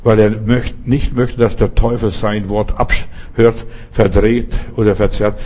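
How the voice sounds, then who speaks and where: A man's voice: fairly low pitch, flat delivery, a little slow, warm tone, breathy edge. A man preaching a sermon in an earnest, direct way, speaking straight to each listener.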